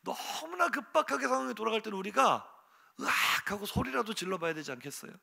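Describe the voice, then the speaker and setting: A middle-aged pastor delivers a sermon in a church, his voice high and swinging widely in pitch. A gravelly edge runs under his words as he shifts from hushed asides to sudden loud exclamations. He keeps turning to the congregation with rhetorical questions. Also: fast talker. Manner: animated storytelling with sudden shouted exclamations. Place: church sanctuary.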